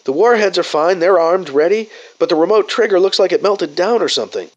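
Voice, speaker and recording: A man doing a brave young pilot calling in over a muffled radio comm, his voice pushed high and clipped. Every word comes out urgent, as if time is running out. The sound is dull and boxy, like a cheap comm unit. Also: animated, fairly quick. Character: brave male pilot on a doomed mission.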